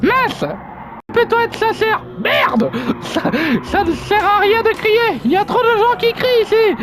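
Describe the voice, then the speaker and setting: A gamer commentating animatedly on a horror game, swearing and yelling at it in a rowdy way. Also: very high-pitched, animated, unhurried. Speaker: let's play gamer. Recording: noticeable background noise.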